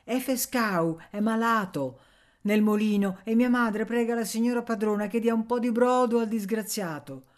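A woman's voice: on the high side, moderate pace, voice pushed up, natural voice. A woman voicing an earnest young miller's boy who pleads and scolds.

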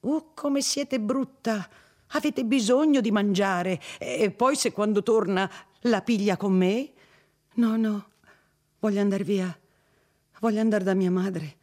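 A man's voice: high-pitched, very animated, normal speed, hardly any pauses, voice pushed up. A man doing a fretful, pleading old woman. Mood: pleading peevish. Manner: pleading, peevish.

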